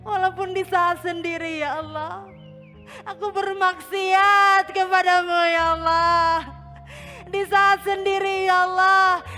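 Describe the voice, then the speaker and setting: High bright-voiced woman leading tearful prayer. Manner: tearful pleading, swelling loud then hushed, slow and drawn out. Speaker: religious teacher leading guided prayer. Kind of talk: emotional guided prayer with music.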